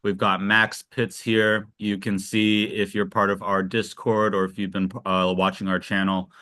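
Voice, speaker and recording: A man's voice: lowish voice, flat delivery, a little slow, bright, forceful tone, no echo, clean studio sound. A man hosting a casual online interview, talking loosely with many fillers and restarts. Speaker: interview host.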